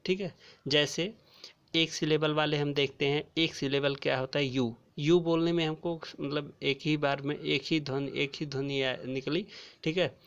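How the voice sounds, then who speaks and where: A man teaching a grammar lesson, speaking slowly and repeating key terms as he addresses his viewers as friends. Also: a little high, fairly even intonation, a bit bright, clean tone. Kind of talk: classroom lecture explaining grammar. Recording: dull lo-fi recording.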